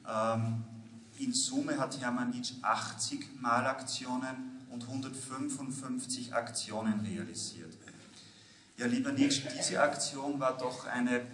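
A man's voice: mid-range voice, fairly bright tone. Formal man moderating in an echoey hall. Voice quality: polite, formal, with frequent filler pauses. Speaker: museum director and curator, moderator. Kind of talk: formal welcome and interview moderation. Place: large exhibition hall, indoors. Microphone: handheld mic. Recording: echoey hall with ambient noise.

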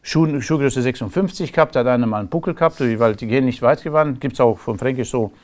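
A man's voice: medium pitch, quick pace, darkish tone. A middle-aged man from Romania with a Romanian accent, a guest in a casual interview, talking in long emphatic runs and laughing between remarks.

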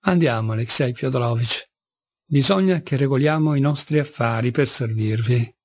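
A man's voice: medium pitch, normal speed, natural voice. A man reading an audiobook, voicing a poor middle-aged captain who talks in a theatrical, fawning and bitterly ironic way.

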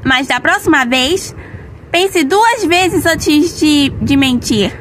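Woman as a very high-voiced scolding girl doll. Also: lively intonation, a bit bright, a little hiss or hum, exaggerated voice. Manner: halting, moralizing. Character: suspicious, scolding girl doll preaching honesty. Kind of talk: amateur doll-play storytelling.

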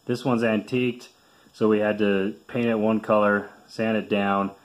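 A man's voice: lowish voice, level tone, moderate pace. A young man, a contractor, casually explaining step by step how he built a project, filmed on a phone at arm's length in a living room. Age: young adult. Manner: plain, practical, step-by-step talk. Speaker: contractor showing a woodworking project. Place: living room at home, indoors. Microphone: phone camera at arm's length.

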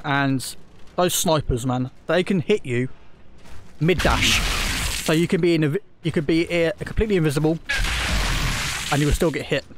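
This gaming YouTuber, a man with a fairly high-pitched voice, rambles through casual let's-play commentary full of ums and restarts while recovering from a throat infection. Background noise can be heard.

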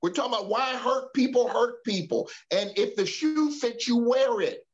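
A man's voice: extremely high pitch, lively intonation, moderate pace, lo-fi sound. A man teaching a church Bible study in a preacherly way, repeating and restarting words and calling on the group to respond.

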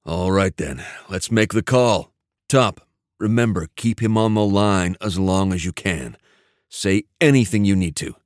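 A male narrator voicing a brisk, commanding male team leader. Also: low voice, no room sound, studio quality.

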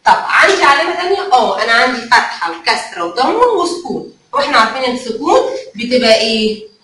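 A woman's voice: a little high, big pitch swings, quick pace, bright, forceful tone. A woman with an Egyptian Arabic accent teaching a kindergarten phonics lesson, asking questions and answering them herself in a coaxing way, drawing out the letter sounds. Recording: very echoey room, mic far off, faint noise.

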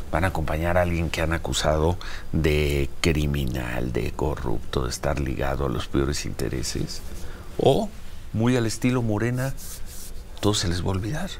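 A man's voice: very deep voice, gravelly, slight background noise. An older man with a Mexican Spanish accent hosting a political interview in a TV studio, asking pointed, rhetorical questions. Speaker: host.

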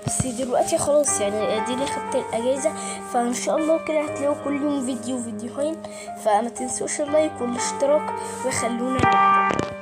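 Egyptian woman, let's-play host, high voice, jumpy nervous commentary over loud game music. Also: fast talker. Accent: Egyptian Arabic. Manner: jumpy, startled exclamations, nervous chatter. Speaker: gaming channel host. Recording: game music clearly behind the voice.

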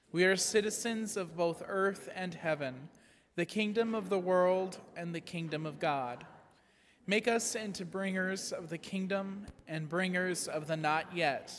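A man reading a measured liturgical prayer from the lectern of a church sanctuary. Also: sits high. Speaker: worship leader. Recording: long church reverb.

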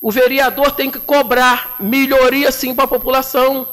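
A man's voice: extremely high pitch, flat delivery, normal speed, fairly bright tone. A man in his forties, a city councilman from Brazil, giving a combative, indignant floor speech full of colloquial slang into a desk microphone in a council chamber. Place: municipal council chamber, indoors.

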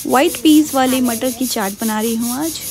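A young woman with a high-pitched voice, speaking at normal speed, narrates her home cooking in a chatty voice-over, mixing in English words as a cooking vlogger.

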